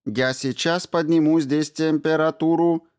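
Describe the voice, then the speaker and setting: A man voicing a calm, courteous male medical robot in an audiobook, speaking slowly and soothingly, higher than his own voice. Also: clear, resonant tone, natural voice. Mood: calm polite.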